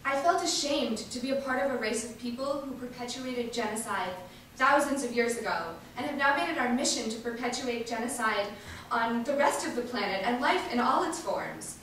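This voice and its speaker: A woman on the high side, her tone a bit bright, reads an activist's testimony in the first person with earnest emphasis and purposeful pauses. Recorded from afar in a spacious indoor hall, it carries echo and faint noise.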